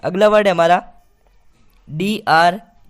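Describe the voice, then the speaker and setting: A man's voice: sits high, moderate pace. A man teaching English pronunciation, patiently repeating each point and asking it back as a question. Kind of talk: spoken lesson.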